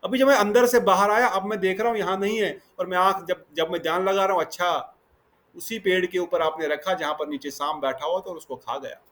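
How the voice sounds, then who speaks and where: A man voicing Yamraj, a stern male lord of death, explaining with calm, knowing certainty. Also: high-pitched, fairly quick. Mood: explaining calmly.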